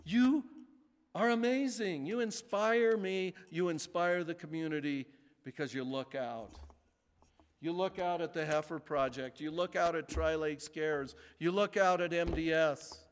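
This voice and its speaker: A male pastor preaching a sermon in a church, speaking slowly with emphatic pauses. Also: fairly high pitch, smooth. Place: church sanctuary. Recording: long reverb of a large sanctuary.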